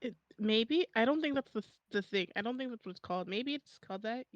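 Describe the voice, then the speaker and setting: A woman's voice: fairly high pitch, lively intonation, fast talker, no echo, dull audio. A woman co-hosting a read-through stream, rambling and searching for words as she chats. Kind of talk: casual chat.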